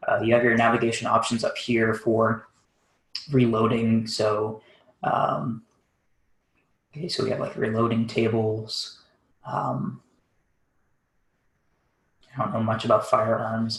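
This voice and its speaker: A man giving a live SEO site audit on a webinar, talking quickly and casually while thinking aloud, with plenty of fillers. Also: fairly low pitch, a bit bright, reverberant, rough recording. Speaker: SEO consultant.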